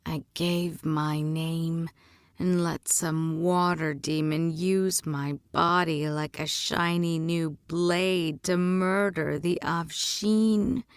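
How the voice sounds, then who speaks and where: A frightened young man, shaken and anguished as he speaks, as a woman reader puts him on. The voice is dry and close with no room around it, and it moves at an unhurried pace. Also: low voice, steady tone, smooth, no echo.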